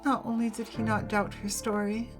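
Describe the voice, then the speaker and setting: A woman's voice: a little high, flat delivery, normal speed. Woman narrating evenly over music. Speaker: let's play host. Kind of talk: reading visual novel narration aloud. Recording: game music under the voice.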